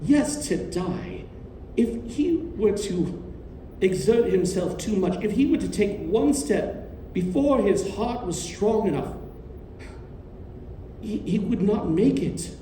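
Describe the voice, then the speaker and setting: Man playing a genteel doctor, high mellow voice. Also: lively intonation, slow, long pauses. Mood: grave, urgent. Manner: formal, courteous, authoritative. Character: genteel, controlling doctor, uncle to orphan girl. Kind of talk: stage play acting. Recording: distant, roomy stage recording, faint noise.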